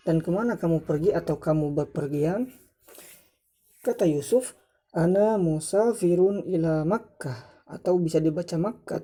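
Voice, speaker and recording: A woman teaching an Arabic lesson, reading phrases slowly and translating them word by word, lifting her voice high on each question. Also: warm tone. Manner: lifts pitch sharply to mark questions. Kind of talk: slow recorded language lesson.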